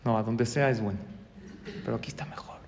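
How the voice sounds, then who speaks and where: A man with a Mexican accent gives a lively sermon as a rabbi, putting questions to his audience. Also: mid-range voice, fast, long reverb tail, a little hiss or hum.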